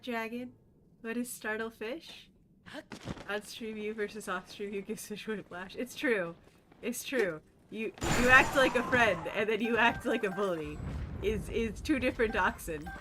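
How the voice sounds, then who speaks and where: Bright-voiced playful woman game streamer. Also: on the high side, lively intonation, measured pace, slight background noise. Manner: playful and silly, talking to chat and game characters. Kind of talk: casual gameplay livestream chat.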